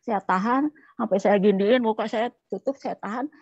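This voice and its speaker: A woman's voice: mid-range voice, normal speed, breathy edge, no room sound, lo-fi sound. A woman in an online class sharing a personal testimony, telling it in an emotional, rambling way over a video call.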